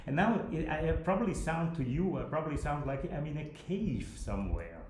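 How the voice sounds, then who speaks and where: A man's voice: on the high side, big pitch swings, normal speed, a little hiss or hum. A man talking casually and earnestly through a distant built-in computer microphone that makes him sound like he is in a cave. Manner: earnest, repeats words when restarting. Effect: distant, roomy built-in laptop microphone sound, like a cave. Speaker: co-host giving video presentation advice. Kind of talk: casual conversational advice. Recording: quiet, echoey, from far off the mic.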